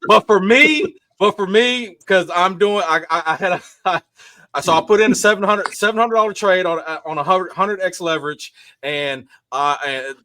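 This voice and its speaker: A man with a loud, sharp, projecting voice chats casually in a halting, excitable way, often repeating himself. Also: high-pitched, dry recording. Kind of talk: casual group chat. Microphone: desktop USB microphone a few feet away.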